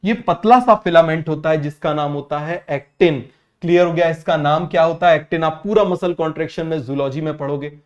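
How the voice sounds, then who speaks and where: High-pitched young male biology tutor, drilling students with quick questions. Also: highs cut off. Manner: keeps asking students if it is clear. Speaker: biology teacher. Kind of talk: online exam-prep class.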